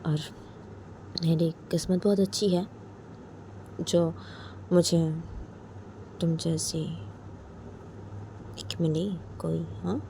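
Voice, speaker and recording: A woman performing an intimate romantic role-play monologue, talking softly and coaxingly, often sinking to a whisper. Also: lowish voice, fairly even intonation, slow pace, gravelly, pauses often, a little hiss or hum. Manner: soft, pleading and coaxing, often dropping to a whisper.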